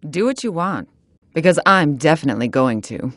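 A woman's voice: low voice, lively intonation, a little fast, a bit bright, no room sound, studio quality. An actress playing a cool, scornful young female android fighter in an anime fighting game, curt and taunting. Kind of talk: English-dubbed anime fighting game voice clips.

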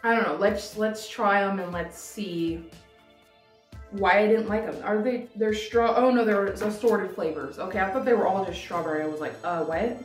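Speaking at a moderate pace in a mid-range voice, a woman in her twenties vlogs a candy taste test, chatting to camera in a hesitant, rambling way with frequent "like." She sits in a decorated indoor room. Audio comes from a camera a few feet away, so it sounds roomy and distant, and there's music in the background.

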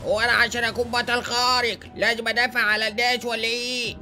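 A man's voice: extremely high pitch, flat delivery, racing, sharp tone, faint music behind. A man with an Egyptian Arabic accent playing along in a gameplay comedy skit, bickering in a whiny way. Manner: whiny, bickering sidekick banter. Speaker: co-player in the skit.

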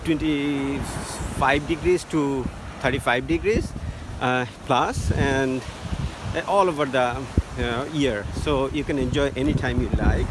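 Standing outdoors on a sunny seaside beach, a Bangladeshi man who makes travel vlogs offers casual tips to the camera at a medium pitch. His speech is halting and full of fillers and restarts, recorded on a phone mic with loud wind noise.

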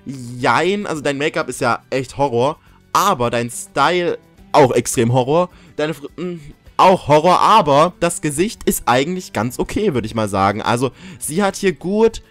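A young man talks his viewers through a game in a loose, joking way, his pitch bouncing all over the place. He yelps and curses when something catches him off guard. Faint game music plays underneath. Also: moderate pace. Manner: excitable, jokey, swears and yelps when startled. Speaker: gaming YouTuber. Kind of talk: casual let's-play commentary.

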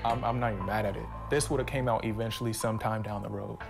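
A man's voice: fairly low pitch, steady tone, quick pace, gravelly, over music. A man talking bluntly in casual slang about a relationship test. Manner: blunt, laid-back slang. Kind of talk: casual chat.

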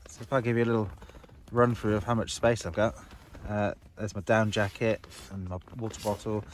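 Talking fairly quickly in a low, level voice, the forty-something English vlogger addresses a close-held phone camera from his small tent on the open moor. His casual talk is upbeat, rambling and heavy with ums.

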